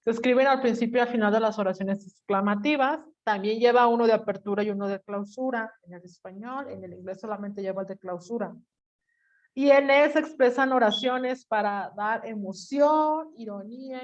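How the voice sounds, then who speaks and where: A woman's voice: on the high side, highs cut off. A woman teaching a class, chatty and teasing, often checking in with her students with questions. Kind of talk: online class lecture.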